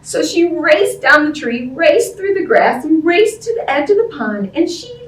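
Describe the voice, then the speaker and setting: At story time, a woman reads a picture book to young children with lots of expression, chatting in simple kid-friendly words and asking them questions. Her voice is high and sing-song, and she goes a little slowly. The recording sounds roomy and distant, with faint background noise.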